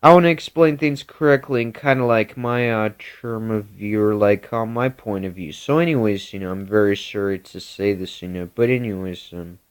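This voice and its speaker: A man's voice: fairly low pitch, moderate pace, few pauses, clean tone. A man telling a meandering improvised story, full of restarts and filler words.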